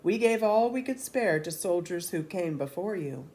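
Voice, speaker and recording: Woman acting a stingy village peasant, plaintive, exaggerated, swooping pitch, storybook style. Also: animated, normal speed, darkish tone, slight background noise, close to an everyday voice. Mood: apologetic, refusing. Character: wary, stingy peasants making sorrowful excuses. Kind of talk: storybook character reading.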